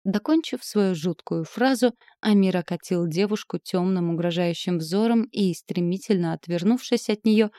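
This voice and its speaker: Female audiobook narrator, low mellow voice, dry close sound. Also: normal speed, few pauses, no echo. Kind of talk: audiobook narration of a romance novel.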